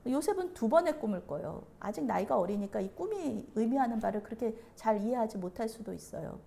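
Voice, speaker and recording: Woman pastor, sermon storytelling; slightly high, gravelly tone. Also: a little fast. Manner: animated storytelling, acts out the characters.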